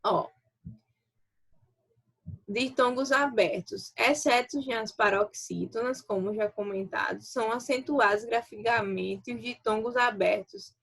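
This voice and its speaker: A woman's voice: fairly high pitch, a little slow, gravelly, breathy edge. A Brazilian woman teacher giving a recorded video lesson, explaining step by step and checking in with her students often. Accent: Brazilian Portuguese. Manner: explanatory, checks in with frequent rhetorical tags.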